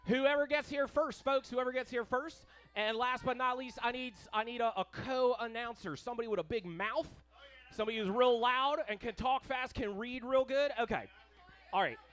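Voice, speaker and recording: A man's voice: very high-pitched, normal speed, a bit bright, clear, resonant tone. Upbeat male emcee on a mic. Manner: upbeat, rambling crowd talk. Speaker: event host. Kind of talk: live event emceeing. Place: live music venue. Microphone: handheld microphone.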